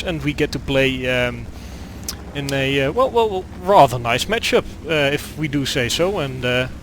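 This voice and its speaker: A young Dutch gaming commentator from the Netherlands talks through a tank game replay in English with a Dutch accent, hesitating with many ums and uhs and restarting sentences. His fairly bright voice sits a little high for a man, and a faint hiss runs under the recording.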